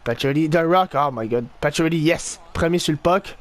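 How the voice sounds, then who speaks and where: A young man with a Québécois French accent calls his hockey video game as he plays it. He talks in a high register and veers between frustrated groans and excited outbursts. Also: fairly quick. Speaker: gaming YouTuber. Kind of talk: live gameplay commentary.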